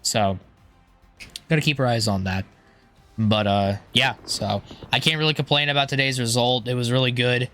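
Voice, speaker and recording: A man with a hoarse, strained voice giving casual, rambling gameplay commentary, thinking aloud in an informal way. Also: mid-range voice, normal speed, fairly bright tone, faint music behind. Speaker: gaming YouTuber.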